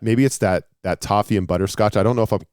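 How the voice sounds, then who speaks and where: A man's voice: on the low side, fast, darkish tone, clear, resonant tone, dry recording, clean studio sound. A man co-hosting, chatting casually in a teasing, laid-back way. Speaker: co-host. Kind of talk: casual chat.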